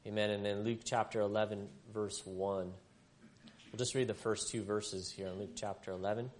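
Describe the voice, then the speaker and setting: A man's voice: fairly low pitch, level tone, moderate pace, darkish tone. A man leading a church service, reading scripture and praying, his voice congested and stuffed up. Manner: rambling prayer with repeated "Lord" and "Father". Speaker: church minister.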